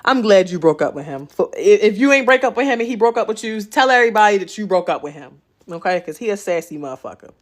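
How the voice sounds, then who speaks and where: A woman's voice: medium pitch, expressive, fast talker. A woman from West Baltimore with a Baltimore accent, hosting a casual question-and-answer vlog in a blunt, profane, streetwise way. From Baltimore, West Side. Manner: chatty, loops back with "okay?" and "you know what I'm saying". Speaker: host answering viewer questions.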